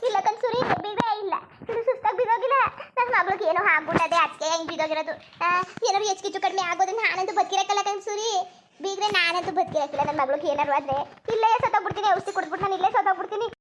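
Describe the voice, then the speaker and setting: A woman's voice: extremely high pitch, rapid-fire, background noise. Woman voicing a wailing village mother. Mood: lamenting. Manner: rustic colloquial speech, pleading and scolding. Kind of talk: cartoon voice acting.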